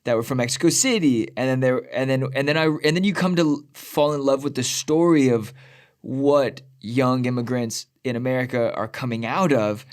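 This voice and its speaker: A man's voice: medium pitch, moderate pace, darkish tone. A young man from Southern California, chatting casually and loosely on a podcast. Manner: casual, lots of filler likes. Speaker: podcast co-host. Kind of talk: casual conversation.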